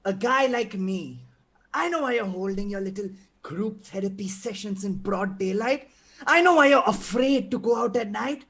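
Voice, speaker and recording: A man playing a manic, menacing criminal clown in a live table read, taunting with drawn-out words and cackles. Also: sits high, a bit bright. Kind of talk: theatrical table-read acting.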